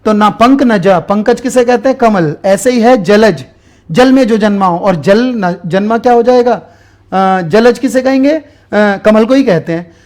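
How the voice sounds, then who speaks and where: A man's voice: sits high, unhurried. A man teaching an online exam-prep grammar class while writing on a board. He explains patiently, repeats key terms and answers his own questions.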